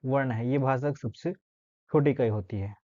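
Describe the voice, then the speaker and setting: A male teacher giving a grammar lesson, explaining step by step and slowly sounding out letters, often checking in with his listeners. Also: mid-range voice, darkish tone. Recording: dull lo-fi sound.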